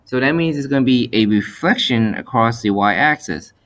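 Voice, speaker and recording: Male instructor, average pitch, step-by-step explanatory screen-lesson narration with methodical repetition. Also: animated, moderate pace, a bit bright. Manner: methodical, explanatory, repeats points. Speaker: math teacher. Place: voice-over for a screen recording.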